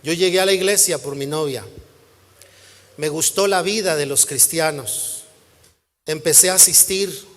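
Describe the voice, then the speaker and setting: A male pastor preaching a sermon, asking the congregation questions and acting out quoted voices. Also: fairly high pitch. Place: church hall. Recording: long church hall reverb.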